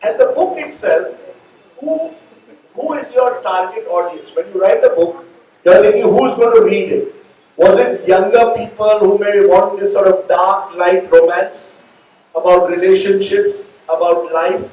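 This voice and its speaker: A man's voice: high voice, measured pace, a little mellow. A middle-aged man with an Indian accent, hosting a live interview with long, reflective, meandering questions. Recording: echoey room, distant mic, faint noise.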